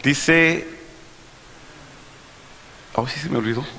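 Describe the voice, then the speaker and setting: A man's voice: fairly high pitch, takes it slowly, big-room sound, a crowd in the background. A man preaching a sermon to his congregation, emphatic and full of rhetorical questions. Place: church.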